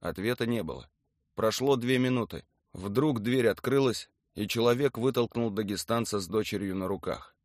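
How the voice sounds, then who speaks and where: A man narrating an audiobook in a lowish voice, steady and matter-of-fact. The recording is dry and close, with no room sound around it. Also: moderate pace, dry recording. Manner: even, matter-of-fact storytelling. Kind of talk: scripted narration of a documentary book.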